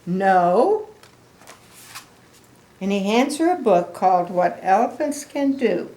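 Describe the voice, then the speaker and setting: An older woman reads a picture book aloud to children in an echoey room, her mid-range voice warm, lively in intonation and moderately paced. She explains things in simple phrases meant for young listeners, adding little asides along the way.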